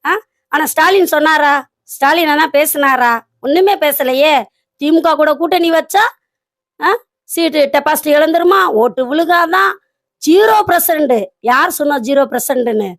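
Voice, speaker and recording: Woman, local party organiser, high voice, dry close sound, fires off rhetorical questions. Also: no echo. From Virudhunagar district, Tamil Nadu. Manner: scolding, rapid rhetorical questions. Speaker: local party women's wing secretary. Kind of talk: political message to party supporters.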